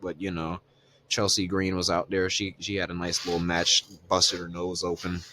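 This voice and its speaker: A man co-hosts a podcast in relaxed, profane casual chat, recapping the week's wrestling. His voice sits very low, and he talks loosely, with plenty of ums and "you know"s. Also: moderate pace, slight background noise. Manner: loose and profane, lots of fillers. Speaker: podcast co-host.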